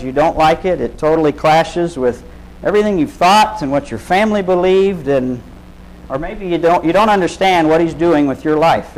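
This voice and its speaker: A man's voice: on the high side, a little mellow, low-quality recording. A man preaching a sermon, retelling a story in casual, vivid terms and putting direct questions to his listeners.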